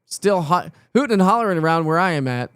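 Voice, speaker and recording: A man's voice: a little high, lively intonation, fast, fairly bright tone, clear, resonant tone, no room sound, studio quality. A man presenting live severe weather coverage off the cuff, talking informally and directly to viewers.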